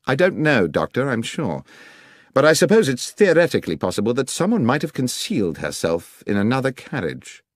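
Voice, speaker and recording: A man's voice: medium pitch, sing-song, fairly quick, no echo, clean studio sound, pitched above the performer's own voice. A man voicing an eager, baffled police inspector who speaks respectfully.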